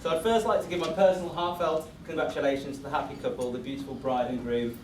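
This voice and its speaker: A man's voice: on the high side, steady tone, fast talker. A man giving a scripted wedding toast as best man, joking in a self-deprecating way. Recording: echoey room, distant mic, noisy venue.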